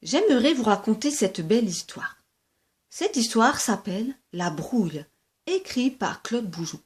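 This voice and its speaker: A woman reading a children's story aloud in a gentle, lively storytelling manner. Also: fairly high pitch, a little slow, breathy edge.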